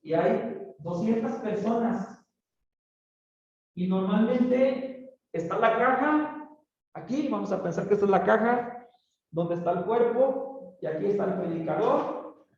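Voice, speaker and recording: A man's voice: high voice, lively intonation, unhurried. A man teaches a church oral communication class, calling his students brothers and often checking in with "¿verdad?". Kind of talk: classroom lesson with church preaching tone. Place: large echoey room. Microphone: camera far from the speaker. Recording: distant, very echoey, dull camera audio with faint noise.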